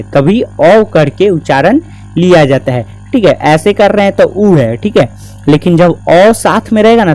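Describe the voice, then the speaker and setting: A man's voice: a little high, warm tone, poor audio. Casual male Hindi grammar teacher. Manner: explains step by step, asks and answers his own questions; casual, repeats "theek hai" and "na" as checks. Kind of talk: exam-prep grammar lesson.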